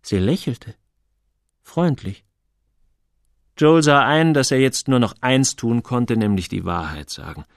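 A man narrating an audiobook in a calm, low and expressive storytelling voice. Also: unhurried, creaky, pauses often, no room sound, studio quality.

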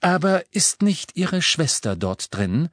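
A man's voice: a little high, big pitch swings, takes it slowly, fairly bright tone, no room sound, studio quality, voice pushed up, full character voice. A man reading an audiobook voices a stern, dignified older female teacher with formal, cutting politeness. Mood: coolly sarcastic.

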